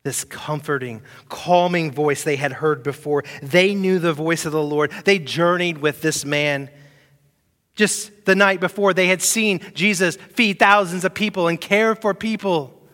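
Male pastor, fairly high voice, preaching from the pulpit; loud emphatic peaks and hushed asides, rhetorical questions to the church. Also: unhurried, in a large hall. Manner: swings between loud emphatic peaks and quiet, soft asides; asks the congregation rhetorical questions. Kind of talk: sermon.

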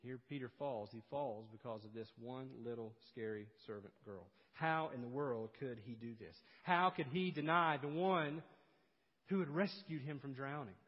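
A man preaching an expository sermon, telling stories and swinging between loud emphasis and hushed, low passages. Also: moderate pace. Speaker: pastor. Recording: dull sound with long hall reverb.

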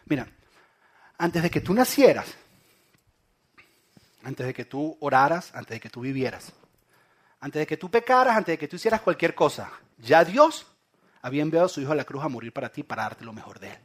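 Husky-voiced male pastor preaching dynamically. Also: very animated, moderate pace, pauses often. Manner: dynamic preaching, swings from loud calls to hushed low lines. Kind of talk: sermon.

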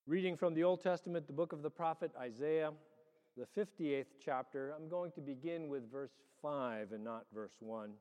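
A man preaching and reading as a pastor, with a measured, deliberate delivery in short phrases. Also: fairly high pitch, darkish tone. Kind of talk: sermon with prayer and scripture reading. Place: large reverberant church. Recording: long hall reverb.

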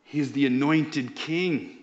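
A pastor preaching a sermon in an emphatic, slow and deliberate way. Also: male voice, medium pitch. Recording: dull lo-fi sound.

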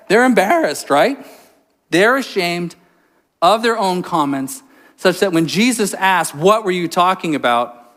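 Male pastor, sermon, upbeat and joking, voice on the high side of the male range. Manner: storytelling, animated and joking.

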